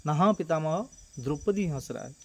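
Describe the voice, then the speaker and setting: A man voicing a respectful young warrior prince in a devotional storytelling, deferential and quiet, lower than his usual narration. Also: expressive, moderate pace, breathy edge.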